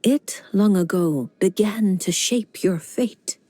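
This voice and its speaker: A woman playing a creepy, knowing old witch-like fortune teller in a video game, speaking in a measured, cryptic and teasing way. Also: medium pitch, dark tone, no echo. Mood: cryptic, matter-of-fact. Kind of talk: video game character dialogue.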